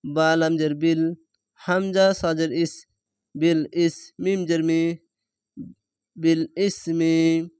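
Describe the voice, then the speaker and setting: A man's voice: a little high, little pitch movement, takes it slowly, long pauses, darkish tone, clean tone, no echo, studio quality. A man from Bangladesh teaching Quran reading, spelling each word letter by letter and syllable by syllable, then reciting the whole word. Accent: Bangladeshi Bengali. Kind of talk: slow spelling-out recitation lesson.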